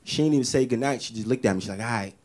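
A man from the Bronx, doing a stand-up set in an animated, exclamatory way full of street slang. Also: mid-range voice, very fast, very noisy. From the Bronx, New York. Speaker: stand-up comedian. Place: stage before a live audience. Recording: live stage with audience laughter.

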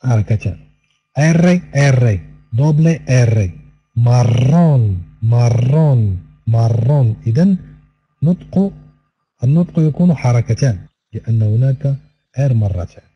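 A man giving a recorded online language lesson, repeating each word slowly and stretching its vowels. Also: mid-range voice, expressive, breathy edge, lo-fi sound. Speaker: Spanish teacher.

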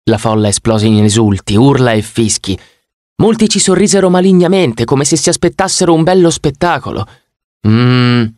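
A man reading an audiobook in the first person, expressive and vivid. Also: mid-range voice, brisk, no echo, studio quality. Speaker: audiobook narrator.

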